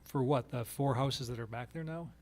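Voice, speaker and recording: Brisk male meeting chair. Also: medium pitch, darkish tone. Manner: brisk, pragmatic, steering the discussion. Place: council meeting room.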